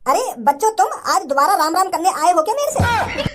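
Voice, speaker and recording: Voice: extremely high pitch, sing-song, fairly quick, fairly bright tone, full character voice. A performer voicing a short-tempered village father in a cartoon, mocking and bossy, with a threatening streak. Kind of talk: cartoon voice acting.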